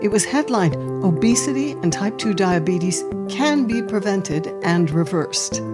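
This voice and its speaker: A woman in her sixties hosting a podcast, chatty and enthusiastic as she talks with her guest. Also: medium pitch. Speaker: podcast host. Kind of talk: podcast interview.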